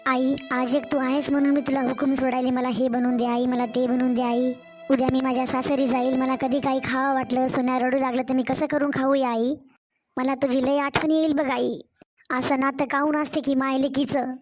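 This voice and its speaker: A woman's voice: high-pitched, level tone, normal speed, darkish tone, soft background music, lightly acted. A woman voicing a weary young new mother, complaining and pleading to her own mother in a cartoon story.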